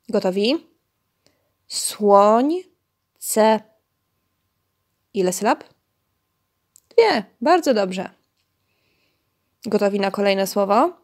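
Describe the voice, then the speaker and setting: A woman teacher giving a remote lesson to preschool children, speaking clearly and warmly praising them as they count syllables. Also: mid-range voice. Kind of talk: online lesson for young children.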